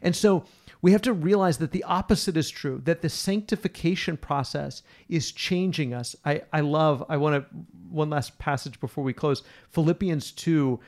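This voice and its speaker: Man, higher pitch, earnest, emphatic, conversational Bible teaching, podcast co-host. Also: moderate pace, a little mellow. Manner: earnest, emphatic, repeats words for stress.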